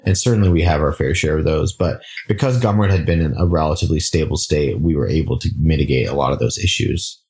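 Deep-voiced man, relaxed founder talk. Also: fast, few pauses. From Singapore. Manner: relaxed, frequent fillers and restarts. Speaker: startup founder guest. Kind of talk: casual interview talk.

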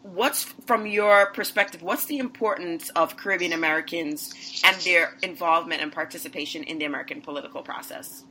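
A woman's voice: on the low side, brisk, pushed and bright, a little hiss or hum, low-quality recording. A woman hosting a podcast, enthusiastic, with loose phrasing and restarts. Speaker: podcast host. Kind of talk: casual conversation.

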